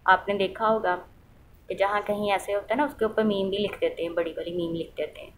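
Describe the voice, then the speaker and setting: Teaching the rules of Quran recitation, a woman explains her lesson by patiently posing and answering questions and reciting examples aloud so their sound is clear. Her mid-range voice is fairly quick with fairly even intonation, and the low-quality recording has some hiss or hum.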